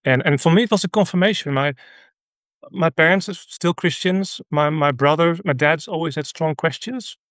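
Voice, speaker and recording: A man with a Dutch accent talks through his story in an earnest, halting way, pausing often on fillers. His voice sits a little high for a man. The sound is close and dry, with no room around it. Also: fairly bright tone, dry recording. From Netherlands. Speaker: guest, ministry leader. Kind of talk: conversational interview.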